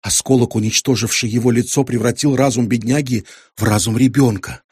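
A man's voice: mid-range voice, steady tone, a little fast, a little mellow, slightly rough, no echo, clean studio sound, close to an everyday voice. A man voicing a frightened older male Egyptologist who pleads in an agitated, cracking voice, in an audiobook. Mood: confessing.

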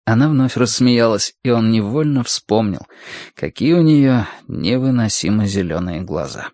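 A man narrating an audiobook in a brisk, even storytelling manner. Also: on the low side, no echo, studio quality. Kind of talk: scripted narration.

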